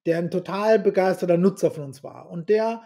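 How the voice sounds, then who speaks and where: A middle-aged man guesting on a podcast tells stories bluntly and animatedly, swearing casually and acting out the dialogue he quotes. His voice is high-pitched and a little fast.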